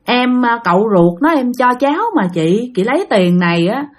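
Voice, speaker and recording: A woman's voice: on the high side, expressive, moderate pace. A woman voicing a kind younger brother who insistently coaxes his older sister. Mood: pleading. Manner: coaxing, insistent.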